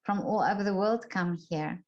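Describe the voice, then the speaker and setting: A woman's voice: mid-range voice, moderate pace, darkish tone. A woman hosting an interview, asking questions attentively and murmuring along as her guest speaks. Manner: attentive, frequent listening murmurs. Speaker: interviewer host. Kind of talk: interview conversation. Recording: slightly dull, lo-fi sound.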